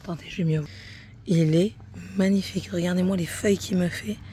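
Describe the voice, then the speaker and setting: A woman's voice: fairly low pitch, fairly even intonation, fairly quick, warm tone, a little hiss or hum. A woman chatting casually to her phone camera outdoors in a garden, swearing freely and getting heated as she talks. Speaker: vlogger.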